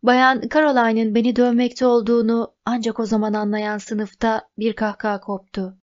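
A woman reading a novel aloud as audiobook narrator, in an even, measured way. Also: on the high side. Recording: dull lo-fi recording.

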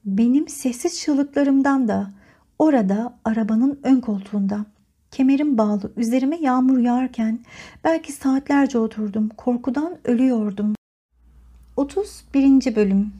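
A woman narrating an audiobook chapter in an expressive, dramatic storytelling manner. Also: high-pitched.

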